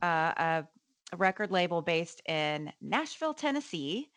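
A woman's voice: on the low side, very animated, unhurried, fairly bright tone, clean tone, no echo, clean studio sound. Chummy woman podcast host. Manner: chummy, laughs a lot, says "dude". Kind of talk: casual chat.

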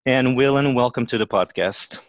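A middle-aged man with a Portuguese accent hosts a podcast interview. He introduces his guest in an upbeat, playful way at a medium pitch. The recording is dry and close. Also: moderate pace, dry recording. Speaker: podcast host.

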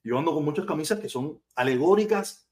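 A man's voice: a little high, animated, brisk, a little mellow. A man from Cuba with a Cuban accent, ranting bluntly and profanely on a casual live stream.

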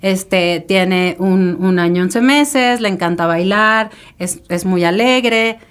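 A woman's voice: mid-range voice, slow, clear, resonant tone. A woman, a podcast guest telling a personal story in an emotional, rambling way with many fillers and tag questions. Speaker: interview guest.

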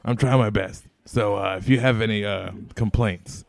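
A man's voice: on the low side, normal speed, gravelly. A man playing a crude, menacing male chef who leans in close and swears while he talks. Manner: swears constantly, looms close and intimidates. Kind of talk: comedy sketch acting.

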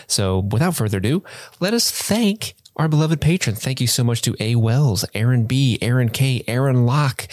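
A man with a lowish, darkish voice co-hosts a casual podcast, recorded with no echo. Playful and sing-songy, he stumbles and jokes while reading out supporter names as patron shoutouts.

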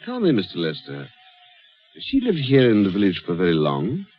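An actor playing a probing, insistent detective inspector in 1940s radio style. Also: male voice, on the low side, normal speed, slightly rough, faint music behind, full character voice. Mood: urgent, probing. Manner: insistent questioning, excitable. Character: intense, probing Scotland Yard detective inspector. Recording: dull old radio recording, some noise.

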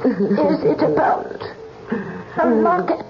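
Eerie, very slow ghost voice. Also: female voice, high-pitched, lively intonation, loud music behind the voice, heavily acted. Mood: eerie, soothing. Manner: slow, drawn-out, repeating phrases. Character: ghostly disembodied older sister, soothing, possessive spirit. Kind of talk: radio horror drama acting. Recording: muffled old radio drama, heavy noise.

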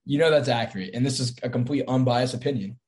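A man's voice: mid-range voice, quick pace, a little mellow. A young man hosting a casual sports podcast, teasing and confident, steering it from segment to segment. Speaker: podcast host.

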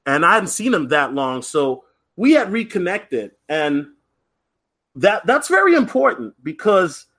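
A man with a high, bright voice tells a personal story in a loose podcast monologue. His pitch swings widely, and he is chatty, with fillers, restarts and a habit of asking "right?". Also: a little slow. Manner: lively, acts out other people's lines. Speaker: podcast host.

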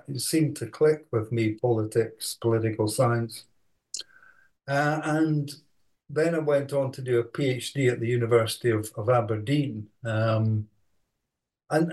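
Guest author: older man, mid-pitch, halting and reflective. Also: a little mellow. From Scotland. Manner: thoughtful, halting, many fillers. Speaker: author and researcher. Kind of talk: interview.

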